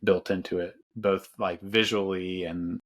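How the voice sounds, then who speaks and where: Very low-pitched male podcast host, loose rambling film chat. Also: level tone, measured pace. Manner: rambling, many fillers and restarts. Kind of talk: casual film discussion.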